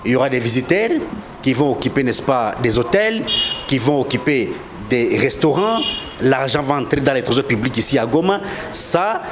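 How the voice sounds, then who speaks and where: A man's voice: medium pitch, big pitch swings, moderate pace. Emphatic Congolese man, noisy street. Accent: Congolese French. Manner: emphatic, accusatory, with many repeated words and hesitations. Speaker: interviewed political official. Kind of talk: live street interview.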